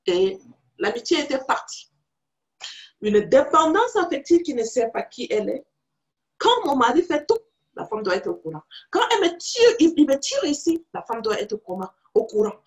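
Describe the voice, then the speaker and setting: In a teaching video, a woman from Africa who is a preacher and teacher shares her own testimony, animatedly acting out dialogue with others in the story. Her voice sits high and her speed is normal.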